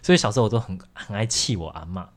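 Low-voiced young man with a Taiwanese accent. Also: lively intonation, racing. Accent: Taiwanese Mandarin. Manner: candid, rambling, frequent restarts and laughs. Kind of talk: casual storytelling chat.

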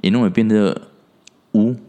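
Brief: lower-pitched man, podcast co-host, chatty explainer who trips over his words. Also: fairly quick, a little mellow. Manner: explains at length, mixes in Taiwanese Hokkien, stumbles and repeats words. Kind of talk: casual podcast chat.

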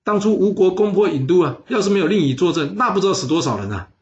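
A man's voice: mid-range voice, a little fast, close to an everyday voice. A man voicing a brave, loyal warrior who speaks with earnest conviction, recorded with slightly dull audio. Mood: protesting. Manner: earnest protest, then calm and resigned.

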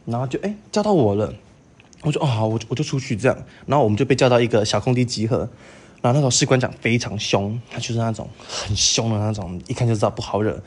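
A man's voice: medium pitch, quick pace, slightly rough. Campy Taiwanese-accented young man storyteller. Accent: Taiwanese Mandarin. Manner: campy and animated, acts out quoted voices, laughs often. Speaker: podcast co-host. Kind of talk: casual storytelling chat.

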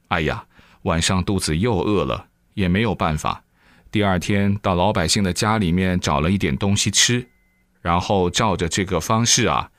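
Male preacher, lively storyteller, exclamatory, lowish voice, dry sound. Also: no room sound. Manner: animated storyteller with frequent exclamations. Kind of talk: storytelling dharma talk.

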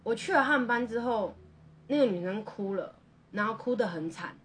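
A woman's voice: on the high side, animated, moderate pace, recorded from a distance, a little hiss or hum. A young woman, a podcast co-host telling a personal story in an earnest, rambling way full of restarts.

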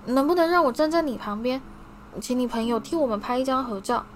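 A man's voice: very high-pitched, quick pace, slight background noise. A woman voicing an eager, starstruck young schoolboy who gushes and pleads breathlessly.

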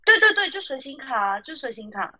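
A woman's voice: high-pitched, brisk. A woman with a Taiwanese Mandarin accent hosting a podcast, telling work stories in casual chat and acting out the people in them. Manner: animated, acts out the voices of customers and friends. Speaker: podcast host.

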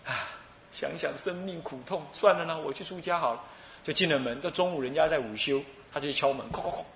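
A man's voice: fairly high pitch, brisk, fairly bright tone, roomy sound. A male Buddhist abbot with a Taiwanese Mandarin accent, preaching a sermon as a playful, laughing storyteller. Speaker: abbot and dharma teacher.

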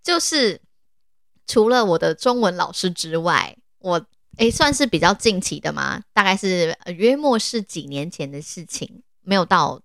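A woman's voice: on the low side, normal speed, gravelly, dry recording, clean studio sound. A woman in her twenties with a Taiwanese Mandarin accent, co-hosting a casual podcast and telling stories with lots of laughter. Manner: animated storyteller, laughs often. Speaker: podcast co-host.

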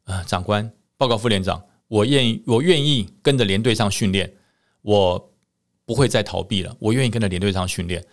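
A man's voice: fairly low pitch, a little fast, lightly acted. A man voicing a frightened young male army private reporting to his officer. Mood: shaken.

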